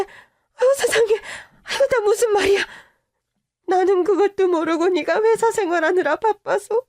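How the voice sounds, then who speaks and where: A distraught, protective mother, voiced by a woman in a radio-drama story, crying out in high, shaky exclamations and heavy sighs. The sound is dry and close, with no room around it, and her voice runs high. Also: dry recording. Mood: shocked, tearful. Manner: lamenting, tearful exclamations and sighs. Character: distraught middle-aged mother, protective and indignant.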